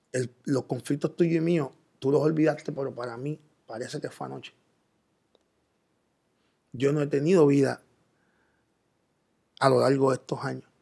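Man, gravelly, slightly high, earnest testimony. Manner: earnest storytelling, quoting himself in dialogue. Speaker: interview guest. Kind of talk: personal testimony in interview.

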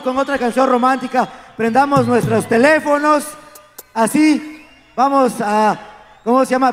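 A man's voice: very high-pitched, fairly bright tone. A man working as emcee at a town fair, calling on the crowd for applause. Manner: rousing, calls for applause. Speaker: event emcee. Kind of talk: stage announcing to a crowd. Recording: reverberant live hall over PA.

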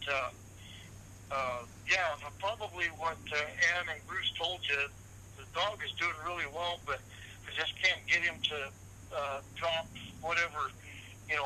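A man talking over a phone on speakerphone, a dog owner chatting casually in a halting way with many pauses and restarts. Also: on the high side, steady tone, bright, forceful tone, slight background noise, poor audio. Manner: halting, full of fillers and restarts. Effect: heard over a phone on speakerphone.

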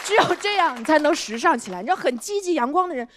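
A woman performing a stand-up comedy set on a studio stage, talking conversationally with deadpan punchlines and often asking the audience "you know?". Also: high voice, very fast, a crowd in the background, background noise. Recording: stage mic with loud audience laughter.

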